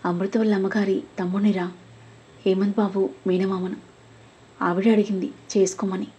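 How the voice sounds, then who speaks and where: A woman's voice: medium pitch, little pitch movement, normal speed, mellow, husky, dull audio. A woman voicing a sorrowful caring elder sister. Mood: sad resolve.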